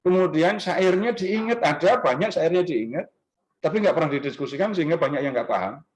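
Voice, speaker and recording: Man, slightly high voice, Easter talk to a church group, conversational, quizzes the audience, animated emphasis. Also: a little fast, low-quality recording. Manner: animated, rising emphasis on key words. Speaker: speaker at a parish gathering. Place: restaurant function room.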